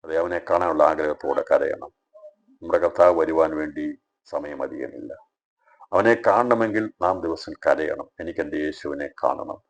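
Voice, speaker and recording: A man, a pastor, teaching a Bible study over a video call, his phrases swelling loud and then dropping low and soft as he urges his listeners. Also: normal speed, creaky. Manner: addresses listeners directly, urging them.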